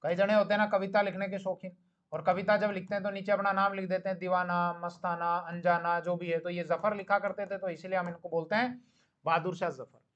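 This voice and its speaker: A man's voice: high-pitched, flat delivery, brisk, fairly bright tone, highs cut off. A man teaching a history lecture in a conversational, storytelling way, often asking a question and then answering it himself. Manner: conversational storytelling, acting out dialogue; asks and answers his own questions. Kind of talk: recorded classroom lecture.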